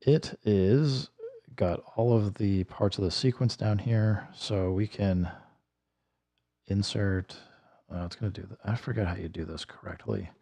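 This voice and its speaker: A man's voice: fairly low pitch, unhurried, creaky, warm tone. A man streaming while he builds a track, thinking aloud and correcting himself, his voice a little worn. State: slightly losing his voice. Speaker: music producer streaming. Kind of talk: casual livestream walkthrough. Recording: music playing behind.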